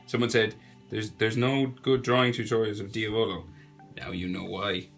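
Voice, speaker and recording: A young man with a cold and a nasal, lowish voice talks at a moderate pace. He's a drawing tutor narrating a tutorial, walking through a drawing step by step in a relaxed, chatty way, with faint music in the background.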